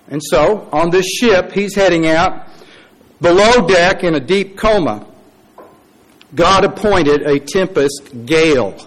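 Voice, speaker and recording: A man preaching a sermon, telling a story with dramatic pauses, acted quotes and wry, folksy asides. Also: high-pitched, a bit bright, low-quality recording.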